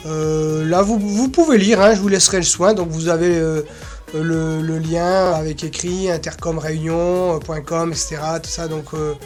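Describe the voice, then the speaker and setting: A presenter with a mid-range, darkish voice walks through an association's website by screen share, informally and unscripted, rambling casually with little filler sounds.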